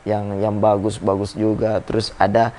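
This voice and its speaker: A man's voice: lowish voice, little pitch movement, mellow. A man in his thirties, a former football captain, reflectively telling stories as an interview guest. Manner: reflective, halting with restarts. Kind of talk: casual interview storytelling.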